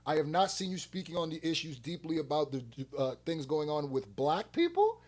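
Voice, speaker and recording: Speaking fairly high and a little fast, a man hosts music reactions with casual, blunt, animated commentary. He's full of slang and rhetorical questions.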